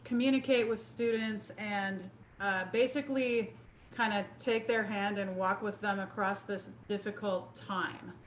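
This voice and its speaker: A woman teacher co-hosting a podcast over a video call, speaking in an earnest, halting way with many fillers. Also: mid-range voice, steady tone, slight background noise, low-quality recording. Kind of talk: casual interview chat.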